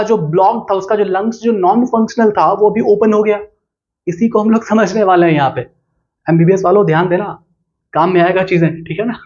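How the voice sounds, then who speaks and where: A man's voice: sits high, a little mellow, highs cut off. A young man teaching biology in a playful, joking way, often checking in with his listeners. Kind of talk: playful explainer lesson.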